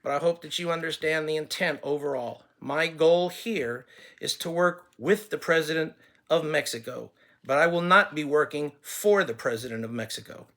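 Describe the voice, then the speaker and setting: Earnestly addressing the camera, an English-native man attempts formal Spanish that comes out halting and broken, with frequent restarts and lapses into English. His voice is a little high and sharp, and he signs off with blessings.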